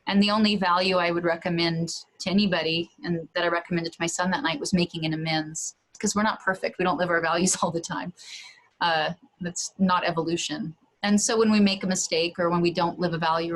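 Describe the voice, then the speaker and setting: A woman's voice: fairly low pitch, fairly bright tone, low-quality recording. A woman guest telling a personal story earnestly, sometimes acting out a talk with her young son. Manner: earnest, acts out dialogue with her son in a raised voice. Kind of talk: reflective storytelling in conversation.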